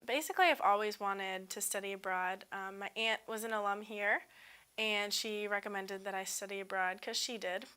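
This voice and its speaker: A woman's voice: medium pitch, steady tone, normal speed, sharp tone, smooth. A young woman in her twenties, a student, talking casually in an upbeat testimonial with frequent ums. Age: 20s. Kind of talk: unscripted testimonial.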